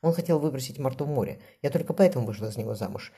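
A man's voice: mid-range voice, animated, racing, warm tone, slightly rough. A man voicing a worried, passionate mother in an audiobook, his delivery heightened and emotional.

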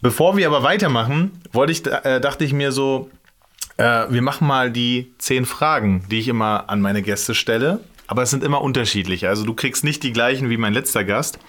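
A man hosting a casual interview, asking questions in a relaxed way with fillers. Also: medium pitch, a little fast. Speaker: interviewer, podcast host.

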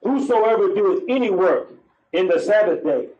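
A man reading scripture aloud in a steady, formal way during a street sermon. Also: sits high, normal speed, reverberant, lo-fi sound. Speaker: scripture reader.

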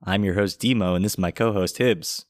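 Young man, podcast host, low voice, laid-back, dry close sound. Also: fairly quick, no echo. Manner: laid-back, laughs a lot. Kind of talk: casual podcast chat.

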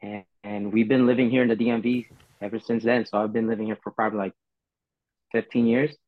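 A laid-back man in his twenties from the Philippines chats casually as a podcast guest, rambling easily with lots of fillers. His fast voice sits on the low side with little pitch movement. The recording is dull and dry, with faint music.

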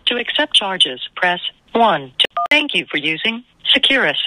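Automated female payphone call announcer: bright, dry, scripted prison-line message. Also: medium pitch, very animated, moderate pace, no echo, low-quality recording. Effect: automated prepaid collect call recording over a payphone line. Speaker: automated prison phone system.

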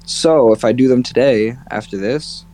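A young man talks casually on a podcast, swearing freely and sounding quickly exasperated. His voice sits in an ordinary middle range. A faint hum of noise runs behind him. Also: mid-range voice, warm tone. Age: young adult. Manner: profane, exasperated at interruptions. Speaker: podcast co-host. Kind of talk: casual chat.

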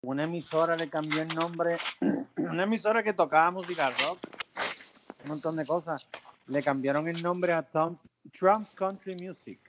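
A man with a slightly high voice, telling a story indignantly in casual chat. The recording is dull and lo-fi, with faint clicks in the background. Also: normal speed, noisy background.

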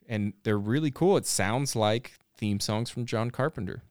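Relaxed, rambling man hosting a podcast. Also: on the low side, normal speed, no room sound, studio quality. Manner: relaxed, rambling, with frequent fillers and restarts. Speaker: podcast host. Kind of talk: casual chat. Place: podcast studio.

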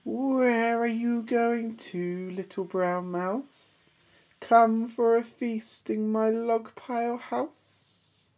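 A woman's voice: a little high, extremely slow, darkish tone, pitched above the performer's own voice. A woman voicing a sly male snake in a storybook, with stretched-out, coaxing speech and an easily spooked temper.

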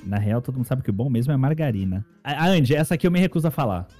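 Mock-indignant Brazilian man, warm voice. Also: medium pitch, animated, rapid-fire, faint music behind. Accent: Brazilian Portuguese. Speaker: co-host. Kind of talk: casual comedic chat.

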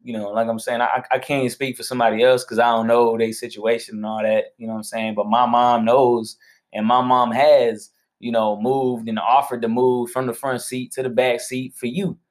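A man co-hosting a marriage podcast with his wife, talking in a relaxed, slangy, upbeat way. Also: mid-range voice, moderate pace. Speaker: podcast co-host. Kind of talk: casual chat.

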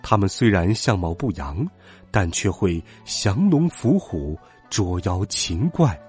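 A man doing a soft-spoken humble monk. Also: low voice, very animated, takes it slowly, soft background music, pitched below the performer's own voice, exaggerated voice. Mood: gentle. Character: gentle, timid old-style monk master, male.

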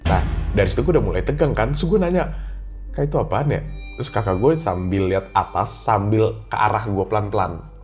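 Over faint background music, a young man speaks fast in a lowish voice, his Jakarta slang coloring a childhood ghost story. He's the guest storyteller in a casual podcast chat, animated throughout and acting out how he sounded as a kid.

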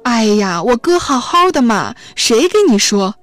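Woman doing a teenage village boy, loud, flustered, explaining over and over. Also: medium pitch, sing-song, unhurried, soft background music. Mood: exasperated.

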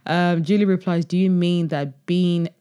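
A woman's voice: on the low side, steady tone, a little slow, dark tone, smooth. A woman hosting a talk show, casually reading audience replies aloud and adding chatty, ranting asides. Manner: chatty, drifts into rants and playful asides. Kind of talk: casual solo commentary reading chat replies.

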